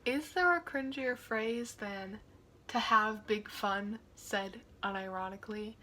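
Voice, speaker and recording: A woman's voice: medium pitch, slow, pushed and bright. A young woman giving casual reaction commentary, chatty and wry, full of "like" fillers and amused asides. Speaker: video reactor.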